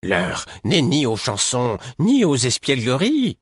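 A man voicing a stern, fretful woman in a storybook, speaking sharply and reproachfully in a raised, husky voice. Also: very deep voice, wildly swooping pitch, slow pace, dry recording, clean studio sound, pitched above the performer's own voice, full character voice. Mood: scolding.

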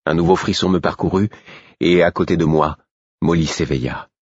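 Un homme à la voix extrêmement grave et un peu voilée raconte une histoire à la première personne, d'un ton posé et régulier. L'enregistrement est sec, sans réverbération, avec un son légèrement terne. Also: male voice, deep voice, steady tone, moderate pace, husky, no echo, muffled recording. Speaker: audiobook narrator. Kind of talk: scripted first-person narration.

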